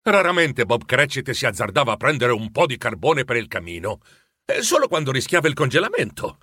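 A man reads a storybook aloud with lively, animated swings of pitch. His voice is bright and a little husky, recorded close and dry with no room sound. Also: fairly quick, no room sound. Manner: expressive, animated reading. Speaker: narrator. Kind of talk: storybook narration.

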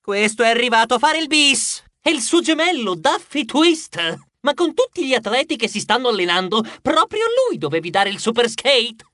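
Audiobook: man voicing a squeaky, high-strung young mouse cousin, lively swoops. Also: normal speed, no echo, clean studio sound, full character voice. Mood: excited. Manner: high, shrill, exclaiming. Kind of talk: audiobook character voice.

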